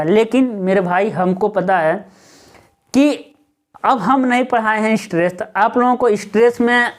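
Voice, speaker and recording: A male teacher giving a classroom lecture, firing questions at his students and answering them himself, and tagging on short check-in questions. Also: very high-pitched. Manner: keeps adding a tag question.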